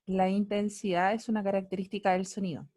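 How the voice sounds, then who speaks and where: A woman's voice: medium pitch, flat delivery, a little fast, mellow, no echo, studio quality. A woman teacher giving an online physics class, playful and teasing, asking students many questions. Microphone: computer mic on a video call.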